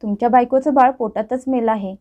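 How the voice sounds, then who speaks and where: Woman reading as a calm male doctor. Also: fairly high pitch, fairly quick, muffled recording, lightly acted. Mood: grave.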